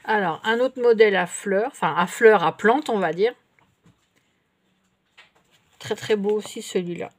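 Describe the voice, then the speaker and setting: Chatty middle-aged woman showing craft paper. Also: medium pitch. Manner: chatty and unhurried, many fillers and self-corrections. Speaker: vlogger showing craft purchases. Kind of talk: casual show-and-tell haul.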